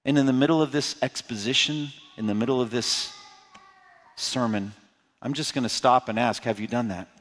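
A male pastor delivers a sermon with fervor, his voice sitting at an ordinary pitch for a man. He climbs loud on the big points, then drops low and earnest to plead with his listeners. The sound carries the long reverb of a large church hall. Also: moderate pace. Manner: impassioned preaching, rising loud on key points and dropping low to plead. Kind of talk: expository sermon. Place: church sanctuary.

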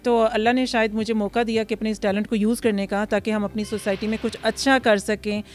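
A woman in her thirties from Pakistan, a restaurant founder answering interview questions outdoors into a handheld mic, pausing often with fillers. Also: medium pitch, little pitch movement. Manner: hesitant, many fillers, mixes English words. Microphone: handheld mic held by interviewer.

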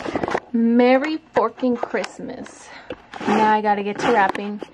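A woman's voice: mid-range voice, steady tone, unhurried, noisy background. A woman in her twenties giving an informal, rambling vlog chat. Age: 20s. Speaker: vlogger.

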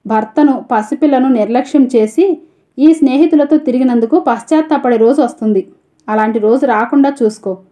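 A woman's voice: high-pitched, a little fast, dark tone, lightly acted. A woman reading as a fierce principled young woman. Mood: stern. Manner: firm, cutting rebukes.

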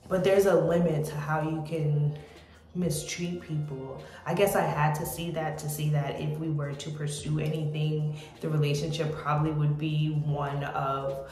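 An American woman in her thirties talking candidly and reflectively to camera in a casual confessional vlog, pausing as she goes and sometimes swearing. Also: deep voice, flat delivery, darkish tone. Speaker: vlogger. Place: small indoor room. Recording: echoey room with music behind.

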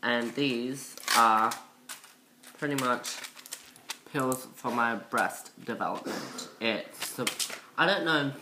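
Talking slowly with frequent pauses, a young woman vlogger gives a transition update to camera in a casual, rambling, self-conscious way; her voice is low and masculine-sounding, and she has a slight cold. The built-in mic, held at arm's length in an indoor room by a window, also catches a noisy background.

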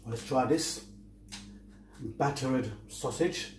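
Guy doing a mukbang, slow casual chat while munching crunchy chips, roomy distant mic. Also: mid-range voice, slight background noise. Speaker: mukbang vlogger. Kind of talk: casual eating-show chat. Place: small domestic kitchen-dining room, indoors. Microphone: camera across the table.

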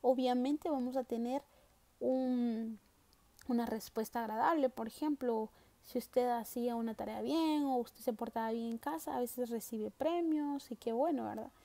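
A woman with a high, mellow voice teaches a Bible lesson to primary school pupils. She explains slowly and stresses the key words. She often stops to ask the children rhetorical questions. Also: vocal fry. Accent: Central American Spanish.

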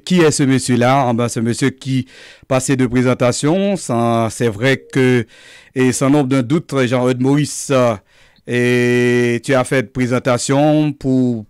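A male host interviews his guest over a video call, stumbling and repeating words as he frames each question. His voice is smooth and clear. The recording is dry and close. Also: mid-range voice, no room sound. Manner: halting, repeats words, laughs often.

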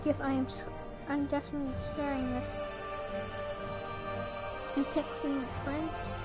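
A woman's voice: high-pitched, level tone. A young woman livestreaming, singing along to a song and then chatting with her viewers. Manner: sings along to music, then chats quickly with viewers. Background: music playing.

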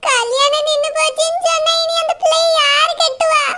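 A woman puts on an older village mother with a Kanyakumari Tamil accent, wailing and lamenting. The voice sits very high and bright and sounds tearful in a village radio-style drama. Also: fairly even intonation, normal speed. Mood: wailing grief.

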